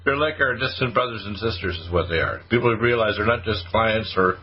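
A man's voice: fairly low pitch, lively intonation, a little fast, husky, muffled recording. A man hosting a show and giving supplement advice, hesitant, full of fillers and restarts. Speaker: show host recommending supplements. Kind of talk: casual on-air advice.

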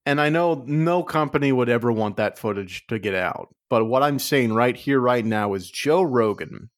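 A man's voice: medium pitch, normal speed. Guy cohosting a podcast, goofy riffing, mid-range voice. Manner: animated, riffing with put-on voices. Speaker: podcast co-host. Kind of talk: casual comedic chat.

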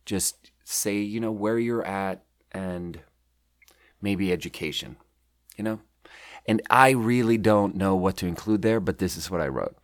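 A man's voice: on the low side, measured pace. A man in his thirties from Sweden, chatting casually as a podcast host, rambling and self-deprecating as he reads out his own writing. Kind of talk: casual chat.

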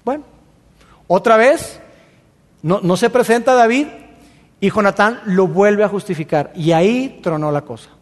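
A man preaching a sermon, retelling a Bible story in a colloquial, animated way. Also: high voice, unhurried, pauses often, long reverb tail. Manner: colloquial and animated, with slangy asides. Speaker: pastor.

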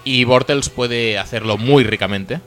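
A man's voice: mid-range voice, unhurried, fairly bright tone, soft background music. A man from co-hosting a casual sports podcast, laughing easily and teasing his co-host in a rambling way.

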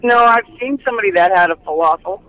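A woman's voice: medium pitch, quick pace, a bit bright. Woman on speakerphone from a car. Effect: on speakerphone in a moving car. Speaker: host's mother on a call. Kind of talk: casual phone chat. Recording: muffled phone line.

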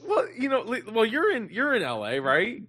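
A man hosting a casual Q&A on a video call, speaking haltingly and restarting his sentences often. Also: high-pitched, huge pitch swings, pushed and bright. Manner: halting, many fillers and restarts. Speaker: host.

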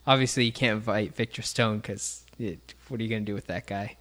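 A man's voice: fairly low pitch, fairly even intonation, a little fast, fairly bright tone. A man co-hosting a podcast in casual chat, rambling with many fillers and restarts. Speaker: podcast co-host.

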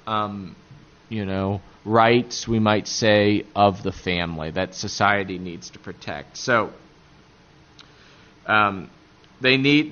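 A man with an Appalachian accent giving a religious lecture point by point, haltingly searching for words. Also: mid-range voice, pushed and bright, lo-fi sound. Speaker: catechism teacher.

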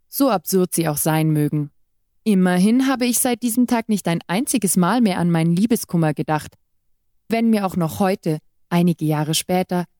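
A woman reading a short story aloud in scripted narration, with a measured, even delivery. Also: lowish voice, no room sound, studio quality. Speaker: reader.

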